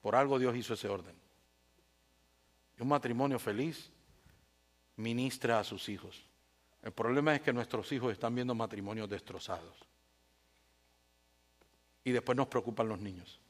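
A man preaching a sermon as pastor, swinging between loud bursts and hushed asides, with playful humor. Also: mid-range voice.

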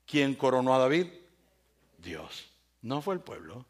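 With a mid-range, sing-song voice and an unhurried pace, a male pastor delivers a sermon full of dramatic swings. He asks rhetorical questions and talks directly to his congregation, calling people by name.

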